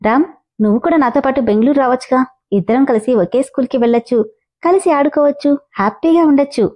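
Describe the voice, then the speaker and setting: A woman's voice: sits high, quick pace, a little mellow. A woman voicing a boastful little girl raised in the city, sweet-toned and showing off, in a storybook reading.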